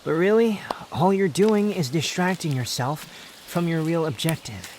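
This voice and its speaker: A man playing an aloof, brooding young male wanderer, haughty yet tender, in a measured, pensive roleplay ASMR monologue. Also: on the high side, lively intonation, noisy background, lightly acted. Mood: stern reassurance. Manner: measured, pensive, dramatic pauses.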